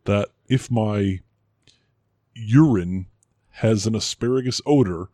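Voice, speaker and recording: A man playing a formal, prim gentleman interviewer with a proper, fussy way of talking. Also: fairly low pitch, slow, no room sound, studio quality. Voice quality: formal, prim, increasingly exasperated. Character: stuffy, proper male interviewer, middle-aged man. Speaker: interviewer in a comic sketch.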